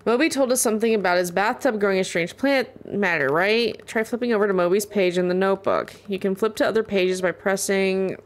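A woman's voice: mid-range voice, brisk, few pauses, close to an everyday voice. A woman reading aloud the lines of a bossy, money-hungry cat spirit in a video game, in a sarcastic, condescending way.

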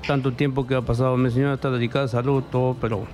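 A middle-aged man tells his story in a radio studio, halting and repeating himself as he acts out what others said. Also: mid-range voice, level tone, music in the background. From Peru. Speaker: interviewee reporting bank fraud. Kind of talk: emotional testimony in a radio studio. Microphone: studio mic with headphones.

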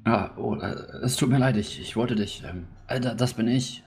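A man playing an earnest, flustered priest in a tabletop game, halting and repeating his words. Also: mid-range voice, gravelly, slight background noise, close to an everyday voice. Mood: apologetic, flustered. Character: earnest, flustered male sea-god priest, trapped and struggling.

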